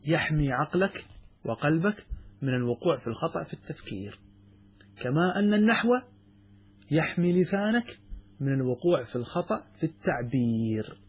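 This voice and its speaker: A husky, slightly high-pitched man in middle age teaches a classical text to his students. He asks them questions, answers them himself and repeats key words for emphasis. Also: sing-song, a little fast, long pauses. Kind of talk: classroom lesson explaining verses.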